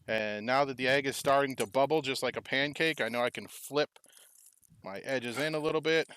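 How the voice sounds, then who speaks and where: A man's voice: mid-range voice, moderate pace, a bit bright, a little hiss or hum. A man hosting a casual cooking vlog at his backyard grill, chatting through each step as he cooks. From United States. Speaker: host.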